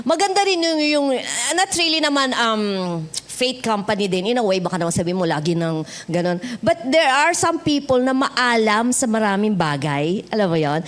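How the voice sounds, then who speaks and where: Filipino woman pastor, high voice, chatty sermon with jokes for the congregation. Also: fairly bright tone. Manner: conversational, switching between Tagalog and English, joking with the congregation. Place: church sanctuary.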